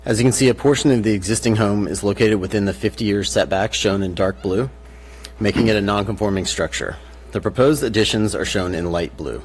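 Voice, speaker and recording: A man on city planning staff reads through technical details formally and methodically in a public meeting room. His voice is lowish and a little fast, and the recording has faint hiss and hum.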